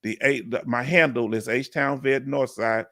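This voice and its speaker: A man's voice: medium pitch, fairly even intonation, measured pace, bright, forceful tone. A middle-aged man with a Houston, Texas accent, hosting a casual live Q&A stream in a laid-back, chatty way and laughing often. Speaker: livestream host.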